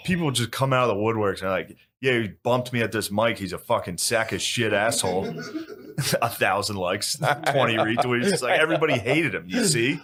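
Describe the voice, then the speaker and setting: A man's voice: mid-range voice, a little fast, a crowd in the background. Male podcast co-host, easygoing, laughs often, short quips. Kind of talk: casual crude banter.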